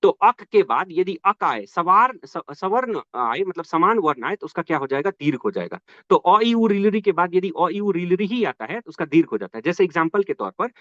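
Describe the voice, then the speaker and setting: A man's voice: high voice, big pitch swings, fairly quick, few pauses, a bit bright, dry recording, dull audio. A man teaching an exam-prep grammar lesson, asking his students rhetorical questions and answering them himself, with frequent check-ins.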